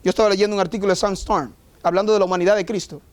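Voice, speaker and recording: Emphatic high-voiced preacher. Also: male voice, steady tone, rapid-fire. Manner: emphatic, rhetorical questions, mock voices of objectors. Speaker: pastor. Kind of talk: sermon.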